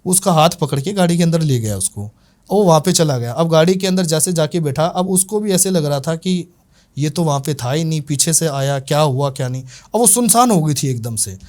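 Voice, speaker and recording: Male tantrik guest, a little higher voice than most, rambling repetitive storyteller. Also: lively intonation, moderate pace, a little mellow. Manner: rambling, repetitive retelling with many fillers. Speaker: tantrik guest telling a case. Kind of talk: casual spoken storytelling.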